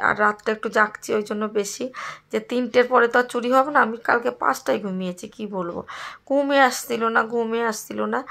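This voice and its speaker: A hoarse middle-aged woman from Bengal, chatting to her viewers in a rambling, complaining way while she does housework. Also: on the high side, a bit bright. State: hoarse from a cold. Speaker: vlogger. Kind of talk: casual chat to viewers while doing chores.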